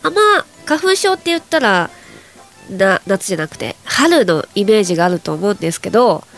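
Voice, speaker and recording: Very animated and fairly quick, a young woman's mid-range voice carries her chatty solo radio show as she rambles casually to her audience. Hay fever leaves her sounding nasal and congested, and faint music plays in the background.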